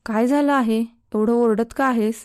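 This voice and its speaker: A woman's voice: fairly high pitch, fairly even intonation, moderate pace, a little mellow, clean tone, no room sound, studio quality, close to an everyday voice. A woman voicing a stern middle-aged mother who scolds her daughter, in a spoken storybook. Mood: scolding.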